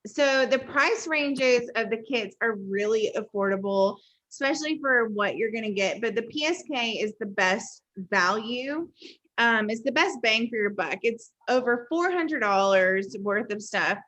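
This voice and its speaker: A woman's voice: on the high side, animated, unhurried, a bit bright, poor audio. A woman hosting a casual chat, enthusiastically explaining product kits with many fillers. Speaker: host presenting product kits.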